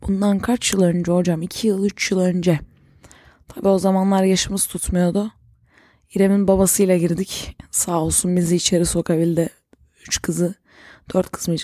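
A woman's voice: medium pitch, dark tone, no echo, studio quality. A young woman hosting a casual solo podcast, telling rambling stories and correcting herself as she goes. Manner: rambling, chatty, self-correcting storyteller. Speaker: podcast host.

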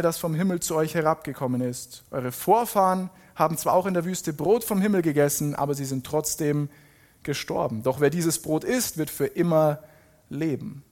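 Guy reading the bible out loud, kinda high voice, leans hard on key words then chats about it. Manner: reads scripture slowly with emphatic rises, then comments casually. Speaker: preacher.

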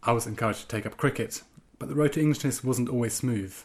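This guest writer is a man, twenty-something or thirty-something, originally from Germany, with a fast, mid-range voice. His interview replies come out haltingly, full of ums and restarts, before he moves on to reading his own work.

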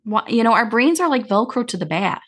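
A woman's voice: fairly high pitch, sing-song, brisk, fairly bright tone. A woman grief counselor talking casually in an interview, explaining in long run-on sentences.

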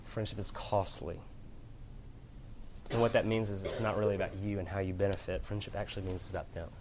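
A man with a fairly low voice delivers an earnest sermon to a room full of people. He leans into loud emphasis, then drops to quiet, grave tones, and a faint hum of room noise sits under his voice. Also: steady tone, brisk. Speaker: preacher. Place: room with an audience.

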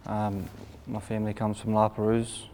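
Twenty-five-year-old Australian man, low monotone, hesitant, panel guest, slight noise behind. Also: normal speed. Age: 20s. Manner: hesitant, many fillers. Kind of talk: casual discussion.

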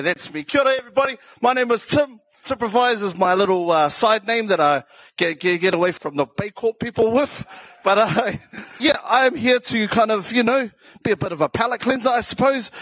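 On stage, a comedian with a South Auckland New Zealand accent tells casual, slangy stories full of jokes and self-deprecation. His voice is high-pitched and fairly bright, and the recording is dry.

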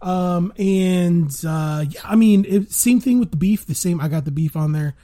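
A man co-hosting a casual food-review chat, relaxed and drawn out, saying "man" a lot. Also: high-pitched, normal speed. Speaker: podcast co-host.

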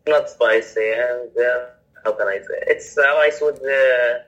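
A man who is a non-native English speaker, answering haltingly as a podcast guest and searching for words. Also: mid-range voice, fairly even intonation, a bit bright. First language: not English. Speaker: international student, podcast guest. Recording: dull, muffled lo-fi connection.

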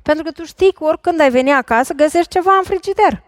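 Lively high-voiced woman therapist on stage. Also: no echo, studio quality. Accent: Romanian. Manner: lively, questioning the audience directly. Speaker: imago couples therapist. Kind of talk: talk on stage before an audience. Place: large concert hall stage.

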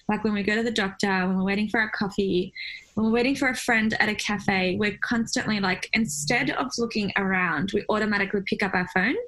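An Iraqi woman appears as a photographer guest in a casual interview, answering in a chatty, reflective manner packed with fillers and quick laughs. Her medium-pitched voice is fairly bright, and the recording quality is low.

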